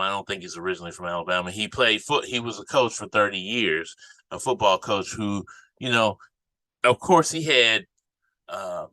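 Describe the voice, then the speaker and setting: A man's voice: on the low side, pushed and bright, no room sound, low-quality recording. A man giving off-the-cuff political commentary as a podcast host, indignant and emphatic, often repeating phrases for emphasis.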